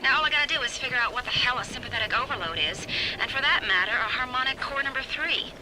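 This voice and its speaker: An actress plays a sardonic, slangy woman with a fairly high voice. She wisecracks through a video game audio diary, with clear noise on the recording. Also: quick pace, natural voice. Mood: wry. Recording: noisy recorded audio log.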